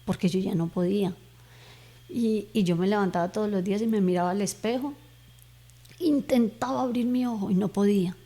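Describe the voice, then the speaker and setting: Warm-voiced woman giving an earnest testimony. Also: medium pitch, a little fast. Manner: earnest, emotional storytelling with fervent prayer retold aloud. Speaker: guest giving a faith testimony. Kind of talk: personal testimony in conversation.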